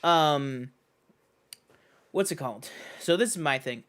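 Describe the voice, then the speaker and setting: A talkative man co-hosting a film podcast, his voice sitting a little high for a man. He walks through his theories in a loose, casual way, full of ums and you-knows. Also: expressive, slow pace, fairly bright tone, clean tone. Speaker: podcast co-host. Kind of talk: casual film review chat.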